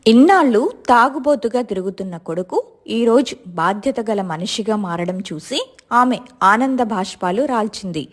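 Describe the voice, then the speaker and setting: A woman storyteller reading a scripted family story aloud in an expressive, dramatic way. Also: on the high side.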